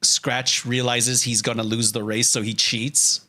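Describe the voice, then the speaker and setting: Drawing on a livestream, a man who works as a storyboard artist keeps up a casual, jokey patter, poking fun at himself and swearing freely. He speaks at a measured pace in a sharp, mid-range voice with little pitch movement.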